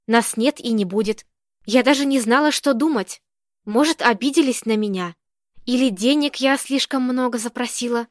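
A woman's voice: fairly high pitch, moderate pace, dry recording, lightly acted. A woman reading the lines of a fussy, talkative old landlady who chatters and frets, in a dry, close-sounding recording. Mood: fretful. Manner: chattering, fretful.

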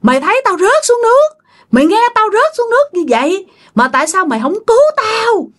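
A woman's voice: very high-pitched, big pitch swings, fairly quick, voice pushed up. A woman voicing a furious drowned old ghost woman who shrieks accusations, with a Southern Vietnamese accent. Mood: furious shrieking. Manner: screeching accusations.

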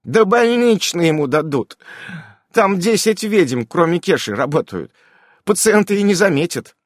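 A man puts on a sharp-tongued witch woman for an audiobook, pitched well above his own voice and swinging through a lively melody. She speaks in a brisk, emphatic way. The sound is close and dry. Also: no room sound. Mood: scolding. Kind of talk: audiobook character voice.

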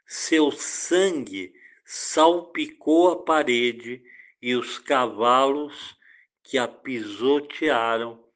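A male pastor with a Brazilian Portuguese accent leads a devotional Bible reading. He speaks very slowly and deliberately, pausing often between phrases. His voice sits at an ordinary middle pitch for a man. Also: a bit bright. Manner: slow, deliberate, reads scripture aloud with pauses.

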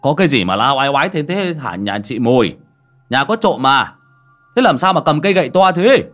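A man voicing an angry older village man who talks loudly and bossily. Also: mid-range voice, very animated, fairly quick, faint music behind, pitched above the performer's own voice. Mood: demanding. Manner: loud, demanding.

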